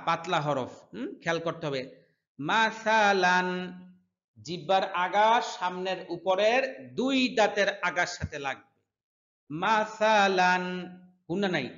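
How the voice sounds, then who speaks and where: A high-pitched man leads an online recitation lesson, drawing each recited word out at a slow, patient pace. He corrects errors as he goes. The sound is dull and lo-fi. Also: fairly bright tone, echoey room. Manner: corrects pronunciation, drawls recited words slowly. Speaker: Quran recitation teacher. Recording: dull lo-fi recording.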